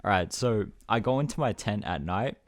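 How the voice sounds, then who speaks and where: Teen male co-host, slightly low voice, halting filler-filled storyteller. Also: lively intonation. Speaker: podcast co-host. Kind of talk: casual chat.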